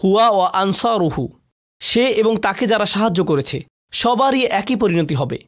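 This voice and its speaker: A man's voice: high-pitched, lively intonation, moderate pace. A man giving a religious lecture on a Quran chapter, explaining word meanings, reciting Arabic phrases and stressing key words.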